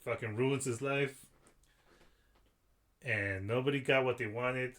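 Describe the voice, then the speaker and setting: A man's voice: mid-range voice, slow pace, fairly bright tone. A man co-hosting a podcast, chatting casually and swearing freely about a movie. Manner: laid-back, swears a lot, quotes lines loosely. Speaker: podcast co-host. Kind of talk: casual movie review chat.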